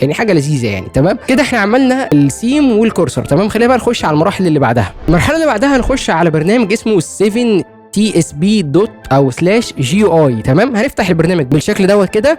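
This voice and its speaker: A young Egyptian man with a cold, walking through a software tutorial step by step and checking "right?" after each step. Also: sits high. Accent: Egyptian Arabic. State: has a cold. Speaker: tech tutorial host. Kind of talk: screen-recorded software tutorial.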